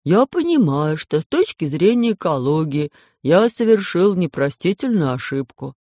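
A woman's voice: fairly low pitch, sing-song, moderate pace, mellow, no echo, clean studio sound. A woman voicing a lonely, polite little spaceship that speaks in a wordy, formal, apologetic way in a storybook reading.

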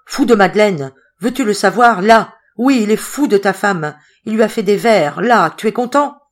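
A woman reading a storybook voices an agitated elderly father who shouts in alarm. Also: mid-range voice, expressive, normal speed, voice pushed up, lightly acted. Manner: shouting, exclamatory.

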